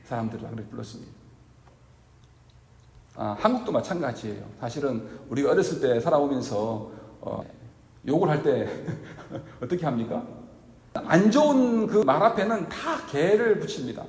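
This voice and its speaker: A man's voice: medium pitch, animated, normal speed, pauses often, darkish tone. A man preaching a Sunday sermon as pastor, talking conversationally and asking his congregation questions. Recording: echoey reverberant hall.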